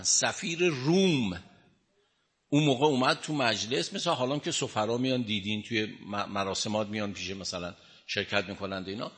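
Male preacher with a bright, forceful voice and emphatic, conversational storytelling. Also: on the low side. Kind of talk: religious lecture with storytelling.

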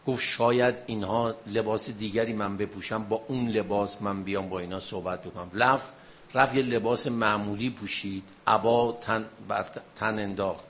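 Man, preacher, mourning sermon, deeper voice, slight hiss behind, builds in fervor. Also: fairly even intonation, a bit bright. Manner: narrates with rising emotional intensity. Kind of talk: mourning sermon retelling a martyrdom story.

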